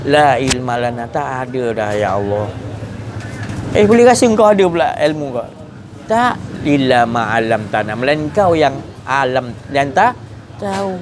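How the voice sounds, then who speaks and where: A man giving an informal religious lecture, animated, moving between hushed and emphatic. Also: medium pitch, normal speed. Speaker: religious teacher. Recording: outdoor traffic noise behind.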